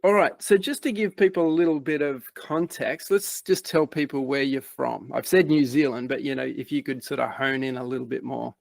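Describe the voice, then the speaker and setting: A man's voice: mid-range voice, fairly quick, creaky, few pauses, dry recording. A man hosting a podcast, introducing his guest with enthusiasm and asking questions. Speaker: podcast host. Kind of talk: podcast interview.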